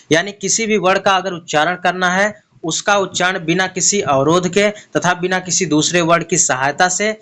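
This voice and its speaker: A man teaching an exam-prep grammar lesson, explaining step by step and asking and answering his own questions, slowly spelling out letters one at a time. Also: high voice, sharp tone. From India.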